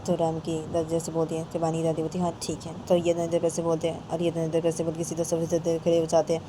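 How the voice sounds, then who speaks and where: A woman's voice: low voice, monotone, very fast, background noise. A woman narrating a serialized love story, repetitive and linking every event with "then".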